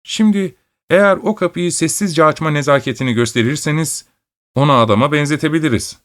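A man voicing a clever, dry-witted male detective who speaks briskly and wryly. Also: fairly high pitch, pitched above the performer's own voice, natural voice.

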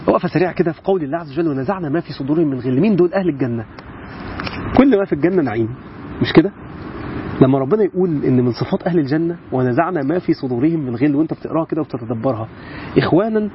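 A man's voice: fairly high pitch, muffled recording, slight background noise. A man with an Egyptian accent hosting a religious program, giving an emphatic Quranic reflection talk and asking rhetorical questions. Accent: Egyptian Arabic.

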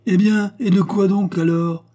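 A man reading an audiobook, voicing an indignant male concierge who exclaims and gossips excitedly. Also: measured pace, breathy edge. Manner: excited, exclaiming, rising high.

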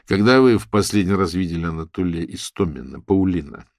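A man's voice: low voice, expressive, fairly quick, vocal fry, a little mellow, no echo, studio quality. A man voicing a stern, impatient police major in an audiobook, questioning curtly. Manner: curt, businesslike questioning. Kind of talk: audiobook character voice.

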